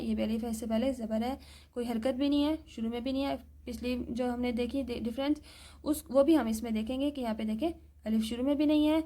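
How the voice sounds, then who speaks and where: A woman with a Pakistani Urdu accent teaching Quran reading, patiently repeating each point and slowly sounding out example words. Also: fairly high pitch, mellow. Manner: patient, repeats points and asks "theek hai?". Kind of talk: recorded tajweed lesson.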